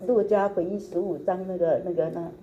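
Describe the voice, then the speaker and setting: A woman, a preacher telling her testimony in an animated way and acting out the dialogue. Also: fairly low pitch, brisk, highs cut off. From Taiwan. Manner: animated, acts out quoted dialogue, laughs often. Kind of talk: storytelling testimony sermon. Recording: recording with steady background noise.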